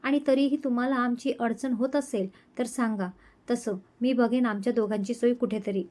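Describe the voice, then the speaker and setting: A woman's voice: a little high, steady tone, normal speed, a little mellow, natural voice. A woman voicing a young woman who fiercely protects her little brother in a storybook reading. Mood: defiant. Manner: firm and defiant.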